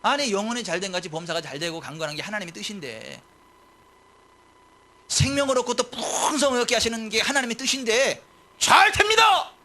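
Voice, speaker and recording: A male pastor preaching a sermon, full of rhetorical questions, who swings from soft asides to loud shouted declarations. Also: high voice, expressive, fairly quick.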